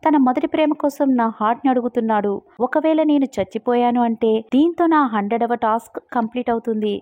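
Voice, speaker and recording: A woman's voice: fairly high pitch, a little fast, no echo. A woman retelling the plot of a romance drama in a storytelling voice, taking on the characters' lines as she goes. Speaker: drama recap narrator. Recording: dry, tinny phone-like sound.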